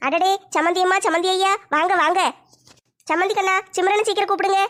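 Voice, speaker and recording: A woman's voice: very high-pitched, fairly even intonation, brisk, a bit bright. A woman playing a fussy doting mother-in-law. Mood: fussing. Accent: southern Tamil Nadu. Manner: fretful, pleading.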